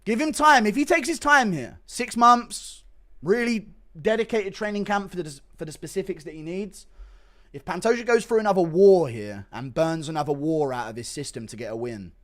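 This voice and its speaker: Male fight-reaction streamer, high voice, sweary and excitable, moves between calm chat and shouted calls. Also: moderate pace. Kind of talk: live fight commentary and casual chat reaction.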